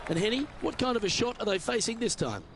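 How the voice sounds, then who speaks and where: Golf commentator over loud outdoor noise. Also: male voice, very high-pitched, lively intonation, fast talker, a loud crowd. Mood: composed, appreciative. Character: polished male TV golf commentator in a video game.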